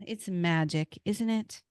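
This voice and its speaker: A woman's voice: mid-range voice, lively intonation, slow, a little mellow, clear, resonant tone, no room sound, clean studio sound. A woman playing a curious, probing boutique owner in her forties, reading a light role-play script. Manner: inquisitive, lightly teasing.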